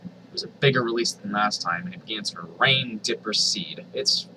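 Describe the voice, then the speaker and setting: A fan fiction reader with a fairly low voice reads an online story aloud dramatically at a moderate pace, throwing in exasperated, sardonic asides and swearing freely. Background noise can be heard.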